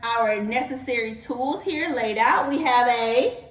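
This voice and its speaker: A woman hosting an educational kids' demonstration, talking in an excited, encouraging way to a young child, with exclamations. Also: fairly high pitch, unhurried. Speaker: host of a family kids' science show. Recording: echoey room.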